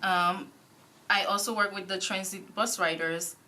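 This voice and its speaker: A young woman from Haiti answering interview questions as a board nominee, measured and full of small pauses. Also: mid-range voice, steady tone, bright, forceful tone, slight background noise, poor audio. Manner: measured, frequent ums. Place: council committee room.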